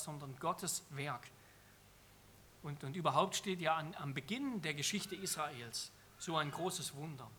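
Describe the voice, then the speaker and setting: Bright, husky-voiced German preacher man. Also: sits high. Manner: earnest, emphatic, repeats phrases for stress. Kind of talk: sermon on a psalm.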